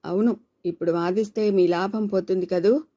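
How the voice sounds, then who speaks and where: A woman's voice: mid-range voice, steady tone, moderate pace, mellow, lightly acted. A woman reading a novel aloud and voicing a sly husband who talks with mockery or pleading. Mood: mocking. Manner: mocking.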